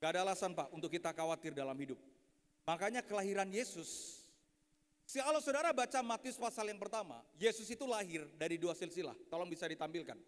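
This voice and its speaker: A man in his thirties preaching a lively, joking sermon full of stories, constantly addressing the audience. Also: high voice, quick pace. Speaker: pastor. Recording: echoey hall.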